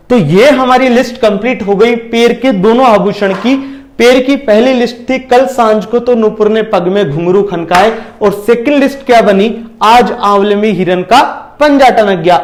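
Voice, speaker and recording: Brief: high-pitched male tutor, exam-prep lecture, keeps asking and answering his own questions. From India. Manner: repeats questions and answers them himself, keeps asking if it is clear. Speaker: teacher.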